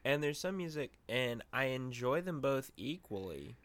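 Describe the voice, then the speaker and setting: A man co-hosting a casual podcast chat, talking in a slow, reflective way with many fillers. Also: mid-range voice, very animated, a bit bright, dry recording. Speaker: podcast co-host.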